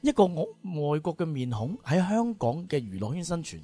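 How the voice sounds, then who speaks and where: Fast-talking Hong Kong Cantonese man hosting radio. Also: on the high side, sing-song, dark tone, breathy edge. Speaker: radio show host. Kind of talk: conversational interview.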